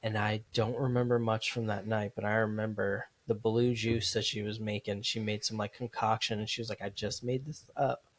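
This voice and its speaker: A man's voice: lowish voice, little pitch movement, fairly quick, few pauses, dry recording. A man in his thirties co-hosting a family podcast, talking in a loose, casual way and saying "dude" often. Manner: laid-back, says "dude" and "like" a lot. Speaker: podcast co-host. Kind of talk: casual conversation.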